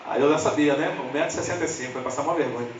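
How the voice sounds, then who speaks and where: A man's voice: very fast, slight background noise. A man with a Brazilian accent preaching a humorous storytelling sermon, chatting directly with the congregation. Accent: Brazilian Portuguese. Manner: swings into lively high voices for quoted people. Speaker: lay preacher. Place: church sanctuary. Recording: echoey church hall, slightly distant.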